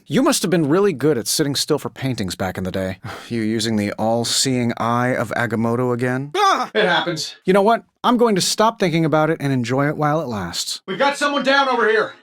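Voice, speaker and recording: A man's voice: on the high side, fairly bright tone, dry recording, studio quality. A man playing a cocky genius armored superhero inventor in a video game, glib, sardonic and self-assured. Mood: battle-ready, sharp.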